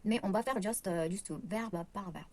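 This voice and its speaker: A woman's voice: mid-range voice, normal speed, a little mellow, a little hiss or hum. Hesitant woman. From Latin America. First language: Spanish. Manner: hesitant, many fillers and self-corrections. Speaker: language teacher. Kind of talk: casual online lesson.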